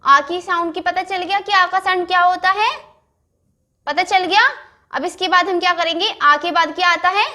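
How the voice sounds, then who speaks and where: A woman's voice: very high-pitched, steady tone, normal speed, bright, forceful tone. A woman teaching young children to read, sounding out words syllable by syllable and asking them questions. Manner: keeps checking in with "theek hai". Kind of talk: primary school phonics lesson.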